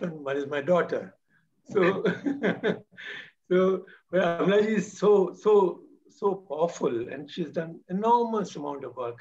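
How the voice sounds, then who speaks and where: A man's voice: on the high side, highs cut off. A retired man in his sixties with an Indian English accent hosting a memorial gathering, passing the floor to speakers and making light jokes. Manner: warm moderator, light jokes, switching into Hindi. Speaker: event host.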